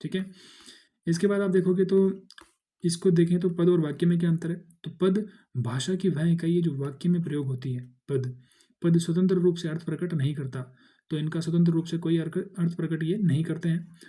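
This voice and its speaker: Man tutor dark, mellow voice, fairly high, casual exam-prep lecture. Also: steady tone, moderate pace. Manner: explains in Hindi with English words mixed in, many fillers and restarts.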